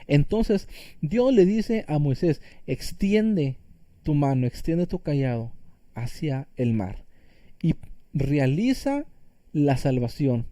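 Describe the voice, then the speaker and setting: A man teaching scripture in an earnest, explanatory sermon style, circling back on his phrases to stress them. His voice is very dark and mellow, sitting a bit higher than most men's. The sound is close and dry. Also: dry recording. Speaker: teacher of Torah portion.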